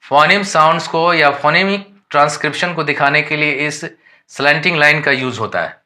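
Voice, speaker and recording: A man with an Indian accent teaching a lesson, reading English definitions slowly and explaining them in Hindi with questions to the learners. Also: fairly high pitch, bright, forceful tone.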